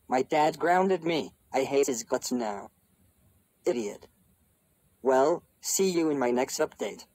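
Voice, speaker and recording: A man voicing a bratty boy in a cartoon who grows into an old man, with a whiny, flat delivery. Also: a little high, dry recording, low-quality recording. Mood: sulky. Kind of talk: cartoon voice acting.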